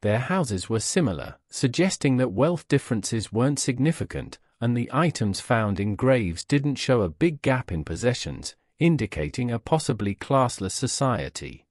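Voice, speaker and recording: Measured male documentary narrator, dry sound. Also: medium pitch, very animated, darkish tone, dry recording.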